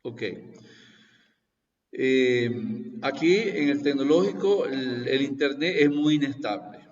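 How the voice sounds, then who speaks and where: A man's voice: medium pitch, takes it slowly. A man in his sixties, a university lecturer, opening an online class with repetitive explanations and frequent checks that students follow. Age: 60s. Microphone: video call. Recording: distant, roomy, dull video-call audio.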